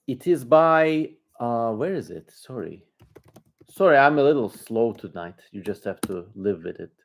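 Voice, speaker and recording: A man from Turkey speaks English with a Turkish accent in a medium-pitched voice. He hosts a casual livestream, wandering informally through his commentary and thinking aloud. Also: big pitch swings, measured pace, vocal fry, slight background noise. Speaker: livestream host.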